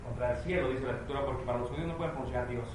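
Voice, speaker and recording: A man preaching a sermon with a Mexico City accent, swinging between loud emphatic declarations and low confiding asides. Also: rapid-fire. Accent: Mexico City Spanish. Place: church hall. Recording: very echoey church hall with faint noise.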